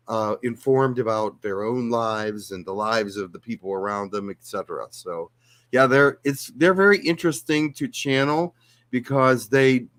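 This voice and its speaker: A man being interviewed as a guest, answering questions in a calm, explanatory way. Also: mid-range voice. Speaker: guest channeler.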